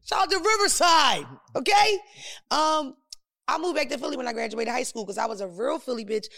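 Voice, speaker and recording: A brash woman from North hosts a podcast, talking. Her voice carries a gravelly fry, and she swears freely and laughs often. The sound is close and dry, with no room around it. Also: high-pitched, fairly quick, fairly bright tone, dry recording. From North Philadelphia. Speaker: podcast host. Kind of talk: casual chat.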